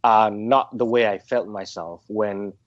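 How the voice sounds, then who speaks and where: A man's voice: lowish voice, steady tone, a little slow, dry recording, dull audio. A man from Somalia speaking in an interview, hesitant, with many restarts and fillers. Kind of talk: phone interview.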